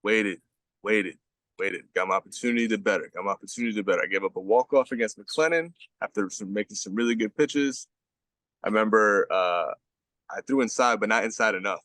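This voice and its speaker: A man's voice: fairly low pitch, fairly quick, fairly bright tone, dry recording. A man in his twenties, a guest on a podcast, telling stories in casual, slangy speech full of fillers and swearing. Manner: slangy, profane storytelling with many fillers. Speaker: guest, baseball pitcher.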